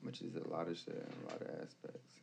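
A man with a Detroit accent in casual podcast chat, halting and repeating words before finishing a thought. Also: low voice, vocal fry, background noise. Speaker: podcast co-host.

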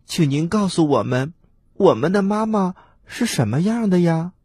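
A man's voice: sits high, animated, moderate pace, a little mellow, slightly rough, no room sound, studio quality, voice pushed up. A man voicing a group of eager little tadpoles in a storybook, calling out and pleading. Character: chorus of eager little tadpoles, small and childlike. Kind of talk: storybook role-play.

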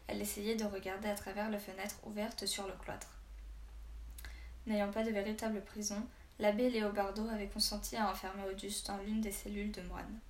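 A woman narrating a novel aloud in a steady, even storytelling manner. Her voice carries a roomy echo over a faint background hiss. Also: medium pitch, brisk. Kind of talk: audiobook narration.

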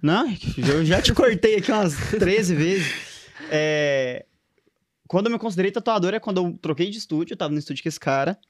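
Fast-talking slangy Minas Gerais man. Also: high voice, lively intonation, no room sound. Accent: Minas Gerais Portuguese. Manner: slangy storytelling. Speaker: tattoo artist guest. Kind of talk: casual podcast chat.

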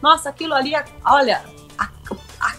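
A young woman tells a story as a guest, her voice sitting high and climbing higher as she acts out what people said. She talks in emotional, breathless bursts with frequent restarts, and soft music plays faintly behind her. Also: moderate pace. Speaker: guest, reality show contestant. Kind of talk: animated storytelling in a chat.

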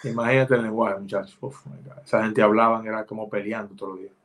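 A man's voice: on the low side, steady tone, fast, fairly bright tone. A man, a guest basketball player, chatting casually in a loose, slangy, laughing way. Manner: laid-back, slangy, laughing. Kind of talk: casual chat.

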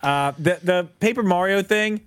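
A man co-hosting a podcast in casual chat, teasing and lively, sometimes trailing off into mumbles. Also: high-pitched, normal speed, clean tone, dry recording. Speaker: podcast co-host.

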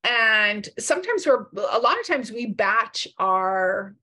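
A woman's voice: medium pitch, big pitch swings, takes it slowly, pushed and bright. A woman co-hosting a podcast in casual chat, talkative and self-teasing, laughing easily, with a groggy morning voice. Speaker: podcast co-host.

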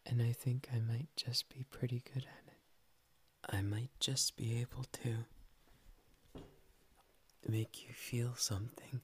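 A man's voice: mid-range voice, slightly rough, heavily acted. A man voicing a shy, playful young male cat boy in a whispered ASMR roleplay, tender and teasing, slipping "nya" into his talk. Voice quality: soft whispery delivery.

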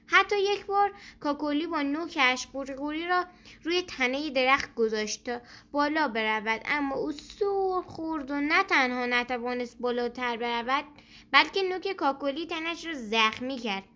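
A woman narrating a bedtime story for children, speaking gently and addressing them directly as host of her podcast. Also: sits high.

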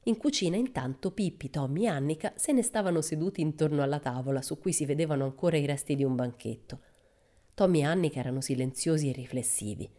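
A woman reading a children's storybook aloud as narrator, in a measured, expressive way. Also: low-pitched. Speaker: audiobook narrator.

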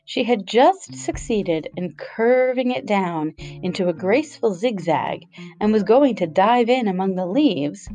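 A woman narrating a children's story aloud in an expressive, storytelling way. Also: mid-range voice, low-quality recording.

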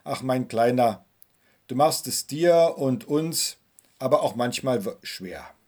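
A man voicing a calm, soothing mother. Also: mid-range voice, takes it slowly. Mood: gentle. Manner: soft, soothing, sighing. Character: calm, loving mother comforting her son.

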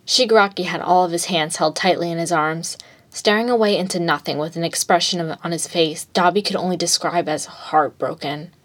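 A woman narrating fan fiction aloud in a steady storytelling manner. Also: lowish voice, fairly quick.

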